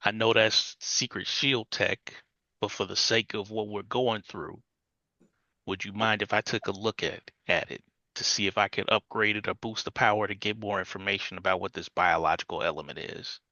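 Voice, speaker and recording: A man's voice: on the low side, fairly even intonation, moderate pace, bright, forceful tone, no room sound. A man playing a tabletop game, asking detailed questions. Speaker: tabletop player. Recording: dry, dull-sounding.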